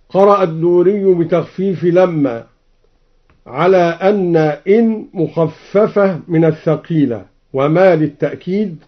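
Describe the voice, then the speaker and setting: Slow male Quran teacher, old radio. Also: high voice. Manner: slow, measured explanation alternating with melodic recitation. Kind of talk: explaining reading variants with chanted examples. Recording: dull old radio broadcast.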